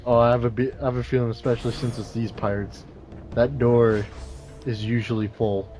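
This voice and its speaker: A man's voice: medium pitch, flat delivery, moderate pace, music in the background, low-quality recording. A man casually commenting on a video game with a friend, laid-back and joking. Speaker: let's play co-commentator.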